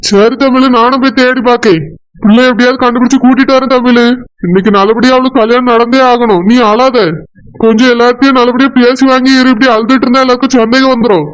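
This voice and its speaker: A woman's voice: a little high, fairly even intonation, close to an everyday voice, low-quality recording. A woman doing a worried cartoon village father. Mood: reassuring. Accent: Kanyakumari Tamil. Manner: anxious, reassuring, rapid. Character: worried middle-aged village father, gentle. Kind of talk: cartoon voice acting.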